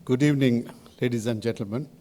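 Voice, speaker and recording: An older man with a Sri Lankan accent delivers a formal podium speech as a chairman, in measured, halting phrases with deliberate pauses. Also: mid-range voice, warm tone. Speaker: advisory committee chairman giving a welcome address.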